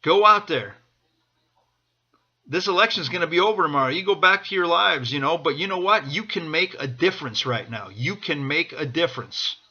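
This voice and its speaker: A man's voice: fairly high pitch, lively intonation, fairly quick, hardly any pauses, sharp tone, husky, dull audio. A man from the United States giving an impassioned off-the-cuff pep talk as a political supporter, urging listeners on and repeating his phrases. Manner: urgent, exhorting, repeating phrases.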